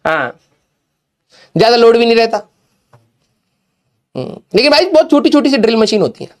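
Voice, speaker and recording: A man's voice: very high voice, very animated, moderate pace. A young adult male teacher chatting to his students in a casual, joking way, telling a story and slipping in English phrases. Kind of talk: casual storytelling in an online class.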